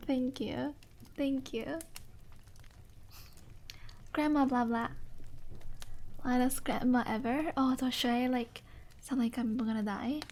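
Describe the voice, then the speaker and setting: A woman's voice: sits high, steady tone, takes it slowly, long pauses, a little mellow. A woman streamer chatting casually with viewers on a live stream. She giggles often, reads requests aloud, answers them and apologizes with a self-mocking air.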